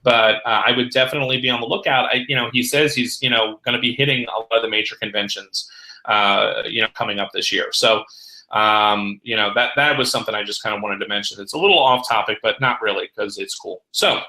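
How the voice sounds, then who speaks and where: A man's voice: fairly low pitch, fairly even intonation, a little fast, pushed and bright, reverberant, poor audio. A middle-aged man on a podcast, chatting casually and rambling with lots of fillers as he recounts a convention. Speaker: podcast guest.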